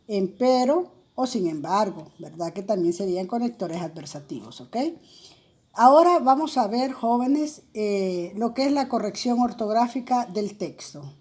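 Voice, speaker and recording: Mellow-voiced woman teaching a lesson. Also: a little high. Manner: explanatory, many fillers and tag questions. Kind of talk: recorded grammar lesson.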